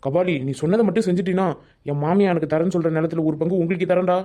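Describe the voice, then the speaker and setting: A man's voice: high-pitched, fairly even intonation, rapid-fire, dark tone. A man voicing a self-pitying, scheming middle-aged village man in a cartoon. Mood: persuasive. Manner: whining, scheming. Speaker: cartoon voice artist. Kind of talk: Tamil cartoon voice acting.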